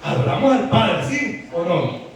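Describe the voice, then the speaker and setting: A man preaching a sermon, animated and constantly calling on the congregation with "brother" and "right?" as he teaches. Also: sits high, unhurried, creaky, slight background noise. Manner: animated, keeps calling on the congregation with "hermano" and "¿verdad?". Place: church hall. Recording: very echoey hall picked up from far off.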